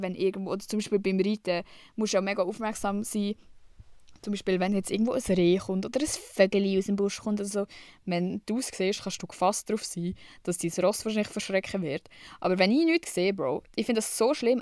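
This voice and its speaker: Chatty young Swiss woman, gravelly tone. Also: mid-range voice, no room sound, studio quality. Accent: Swiss German. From Switzerland. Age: young adult. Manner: chatty, blunt, swears freely, mixes in English slang. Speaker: podcast host. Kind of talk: casual solo podcast chat.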